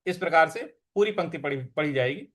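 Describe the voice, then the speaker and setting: A man teaching Sanskrit verse pronunciation, breaking words into syllables slowly and repeating them with care. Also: fairly high pitch, lively intonation, a bit bright. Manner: slow, deliberate syllable-by-syllable drilling. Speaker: Gita recitation teacher. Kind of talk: Sanskrit pronunciation lesson with chanting.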